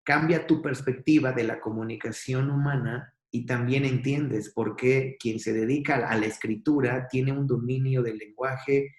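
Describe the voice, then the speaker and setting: A man's voice: medium pitch, steady tone, unhurried, few pauses, a little mellow. Man telling stories in a roomy space. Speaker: guest, communication trainer. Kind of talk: casual podcast conversation.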